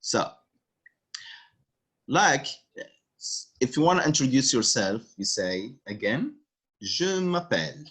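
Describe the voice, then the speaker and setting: A man from Morocco with a Moroccan accent tutoring French over a video call, patiently repeating words slowly. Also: medium pitch, very animated, fairly bright tone, slightly rough. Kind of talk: online one-on-one language lesson.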